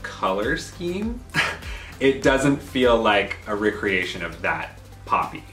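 A man's voice: fairly low pitch, big pitch swings, takes it slowly, fairly bright tone. A young man co-hosting a casual doll review chat, chatty and enthusiastic. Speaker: co-host of a doll collecting channel. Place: living room. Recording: roomy sound from a distance with faint music.

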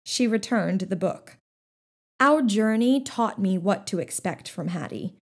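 A woman narrating a children's novel in the first person with a steady, gently expressive reading. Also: mid-range voice, a little slow. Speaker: audiobook narrator.

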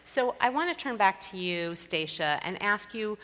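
A woman's voice: mid-range voice, lively intonation, moderate pace, sharp tone. Eager woman moderating a panel. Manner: enthusiastic, inviting questions. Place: conference stage. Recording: reverberant conference hall.

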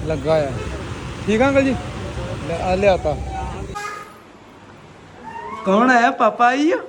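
A man vlogging casually at home, chatty, giving directions to family as he films. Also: high voice. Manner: chatty, instructing family members. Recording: noisy home background.

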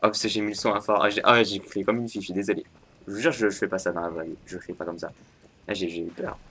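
A man giving excitable gaming commentary, talking to his viewers and bursting into yelps and laughter. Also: sits low, quick pace, a little hiss or hum. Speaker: gaming YouTuber.

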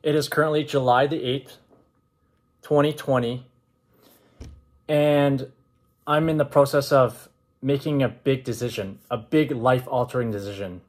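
A man, talking to camera in a measured, matter-of-fact way in a room at home. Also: medium pitch, fairly even intonation, darkish tone. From Canada. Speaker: vlogger. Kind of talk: vlog talk to camera. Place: indoors, open-plan home with kitchen and stairs.

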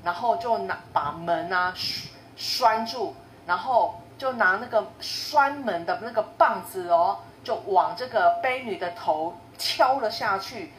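A woman's voice: mid-range voice, animated, measured pace, few pauses, fairly bright tone. Brief: woman monastic telling a story loosely, filler-heavy, in a roomy room. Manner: casual retelling with many fillers and repeats. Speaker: Buddhist monastic teacher. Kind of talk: storytelling dharma talk. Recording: roomy echo, faint noise.

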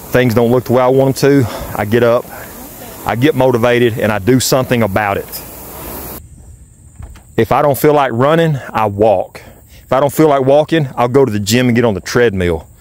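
A man's voice: lowish voice, a little mellow, slight background noise. A man, a fitness vlogger giving a blunt, preachy, repetitive motivational talk to the camera outdoors on a driveway. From Southern United States. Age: 40s.

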